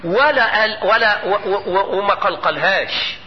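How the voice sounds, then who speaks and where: A high-pitched man with an Egyptian accent teaches Quran recitation, firing quick questions at his students and slowing into melodic chant for each example verse. The recording is dull and lo-fi, with a long echo from a lecture hall. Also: a little hiss or hum.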